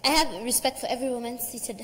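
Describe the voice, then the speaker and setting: A playful woman with a very high voice answers back quickly on a reunion panel. Her voice carries a long hall reverb over faint ambience. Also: fairly bright tone, slight background noise. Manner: playful, quick-witted, laughing. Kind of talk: panel discussion.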